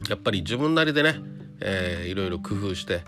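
A man's voice: low-pitched, lively intonation, a little fast, fairly bright tone. A man giving a casual solo monologue to viewers, chatty and full of rhetorical questions and little tag fillers. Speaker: trader talking to viewers. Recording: guitar music under the voice.

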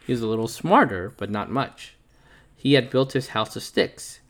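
A man reading a picture book aloud to his child, telling it playfully in a wolf narrator's voice and pausing to chat with the child. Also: medium pitch. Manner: playful storyteller voicing the wolf narrator, chatting with his child between pages.

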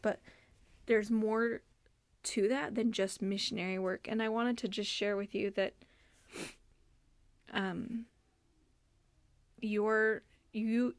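A tearful, choked-up woman hosts a devotional podcast for mothers, speaking in an earnest, heartfelt, conversational way with many fillers. Her voice is fairly high, with no room sound.

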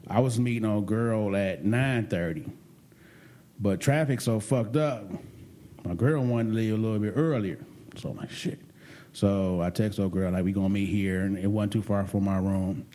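Mellow-voiced man telling a casual story. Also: on the low side, normal speed. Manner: animated, profane storytelling. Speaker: podcast co-host telling a vacation story. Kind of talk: casual chat.

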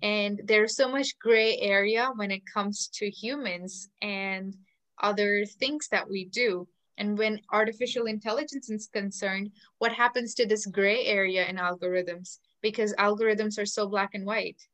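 A woman's voice: mid-range voice, fairly even intonation, unhurried, fairly bright tone. Woman, thoughtful, asks questions, chatty discussion. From India. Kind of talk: casual discussion.

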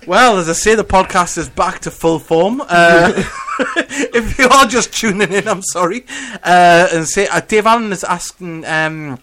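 Giggly high-voiced male podcast host. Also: unhurried, bright, forceful tone. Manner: laughs often, loose and joking. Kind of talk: casual podcast chat.

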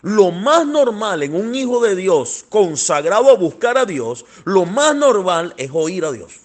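A man preaching a fervent sermon, calling his listeners beloved and swinging between soft passages and loud, thundering ones. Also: high voice, big pitch swings, measured pace. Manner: fervent, addresses listeners as "amado".

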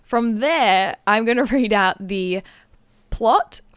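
A woman co-hosts a podcast, casually explaining a game in a chatty, giggly way. Her fairly high voice is clear and resonant, and she takes it slowly. The close podcast microphone captures her with no echo.

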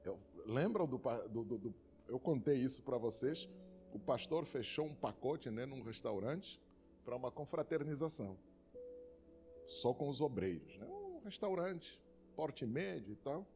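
A man's voice: mid-range voice, big pitch swings, measured pace, warm tone, soft background music. A man with a Brazilian Portuguese accent preaching a sermon as pastor, emphatic and repeating words for effect while telling stories.

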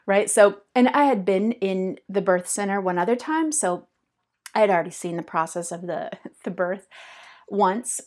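A woman's voice: medium pitch, expressive, moderate pace, a little mellow. A woman in her fifties telling a personal story on her podcast in a casual, rambling way, with many fillers, restarts and laughs. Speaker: podcast host.

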